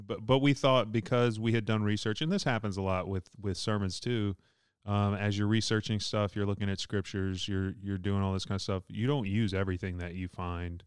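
A man's voice: fairly low pitch, fairly even intonation, brisk, smooth, no room sound, clean studio sound. A man, a pastor, co-hosting a casual talk show with loose, rambling speech and frequent laughter. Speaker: pastor and podcast co-host. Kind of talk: casual chat.

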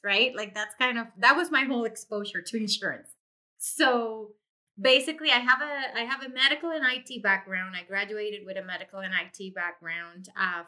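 A middle-aged woman from Puerto Rico who owns an insurance agency talks expressively and effusively as a guest in a conversational interview about her career. Her medium-pitched voice is bright with a forceful tone.

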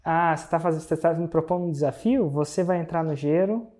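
A man hosts a casual interview with a mellow, darkish tone. He asks his questions in a relaxed way and jokes easily with his guest. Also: fairly high pitch, fast talker. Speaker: interview host.

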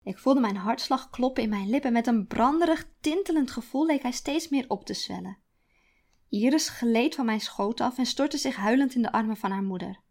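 A woman author reading her own first-person story aloud, quiet and deliberate. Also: a little high. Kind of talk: storytelling narration.

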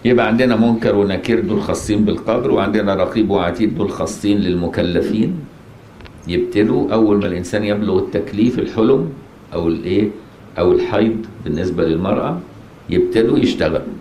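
An Egyptian-accented man teaches a religious lesson in plain colloquial speech, pausing to ask his listeners questions and check they follow. His voice sits on the low side. The recording rings with the echo of a mosque, with faint noise underneath. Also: mellow. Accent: Egyptian Arabic.

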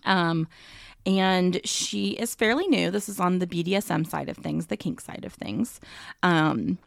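A woman's voice: on the low side, measured pace, vocal fry, dry recording, clean studio sound. A woman co-hosting a podcast in casual chat, talkative, with many fillers. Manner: chatty, filler-heavy, laughs easily. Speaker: podcast co-host.

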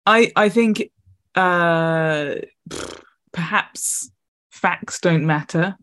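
A woman co-hosting a podcast in casual chat, talking in quick asides and laughing often. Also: lowish voice, fairly bright tone. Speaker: podcast co-host.

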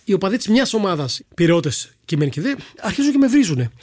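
A middle-aged man with a somewhat high voice recounts his broadcasting anecdotes with gusto. He acts out the people in his stories, shifting his tone as he quotes them. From Greece. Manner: animated storyteller who acts out voices in quotes. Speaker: sports broadcaster, guest. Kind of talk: storytelling in a podcast chat.

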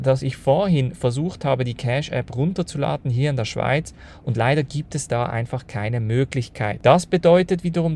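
A male podcast host reads a brisk news rundown on a low-quality recording made on the road. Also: darkish tone. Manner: brisk, matter-of-fact, talks straight to listeners. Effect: low-quality audio recorded on the go. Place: on the road, away from his usual setup. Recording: faint noise and low rumble, lo-fi mobile recording.

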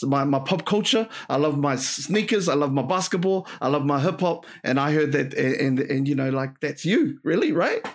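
A man's voice: a little high, expressive, normal speed, hardly any pauses. Casual man hosting a podcast. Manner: slangy, says bro often. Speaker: podcast host. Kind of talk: casual chat.

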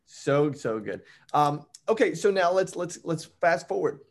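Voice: medium pitch, animated, measured pace. A recruiting coach hosting an interview, affirming the guest and drawing lessons out for the audience. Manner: affirming, coaching, many backchannels.

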